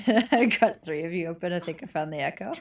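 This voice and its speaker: A woman's voice: fairly low pitch, expressive, moderate pace, distant mic. A woman streaming a video game in casual chat, her mic sounding tinny and echoing as if inside a tin can. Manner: giggly, hums to herself. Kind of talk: casual chat while gaming. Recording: hollow mic from off-mic with game music.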